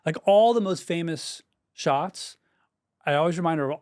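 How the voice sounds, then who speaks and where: A man's voice: on the high side, normal speed, a little mellow, clear, resonant tone, dry recording, studio quality. A man co-hosting a podcast, telling a story as a golf parent in a casual, emphatic way and swearing freely. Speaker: podcast co-host.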